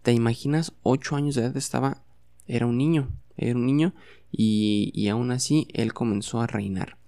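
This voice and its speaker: Man, podcast English teacher, gravelly, mellow, patient repetition, bilingual lesson. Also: medium pitch, moderate pace. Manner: patient, repeats words for the listener to echo.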